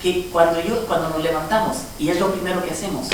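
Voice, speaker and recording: A woman's voice: on the low side, fairly even intonation, fast talker, a little hiss or hum. A woman preaching a sermon, emphatic and rising into fervent exhortations. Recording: echoey hall from far off with congregation. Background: congregation responding.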